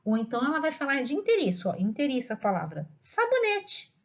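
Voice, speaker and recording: A middle-aged woman teacher with a Brazilian Portuguese accent, patiently explaining to parents and dictating words slowly. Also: a little high, very animated. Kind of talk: instructional talk to parents. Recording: dull lo-fi audio.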